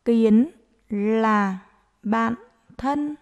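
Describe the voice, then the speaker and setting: Woman teacher dictating very slowly. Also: a little high, a little mellow, dull audio. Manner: dictating short phrases slowly, word by word, repeating each. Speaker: primary school teacher. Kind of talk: dictation lesson for young pupils.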